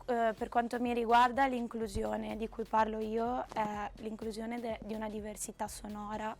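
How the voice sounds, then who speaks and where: Hoarse woman, voice giving out, fairly high. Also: level tone, normal speed. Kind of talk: interview talk, reflective.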